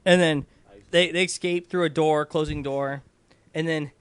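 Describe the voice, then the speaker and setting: Tipsy, rambling man with a higher-pitched voice. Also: steady tone, moderate pace, clear, resonant tone, no echo. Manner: tipsy, loose, losing the thread with frequent stumbles. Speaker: host retelling a film for a comic review. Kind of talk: rambling casual comedic recap.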